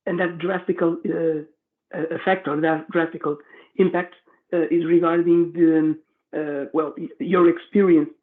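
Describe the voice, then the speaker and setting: A man on a tinny phone line, asking a careful, halting question in an online Q&A. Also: fairly high pitch, flat delivery. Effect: heard over a phone line. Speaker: audience member asking a question.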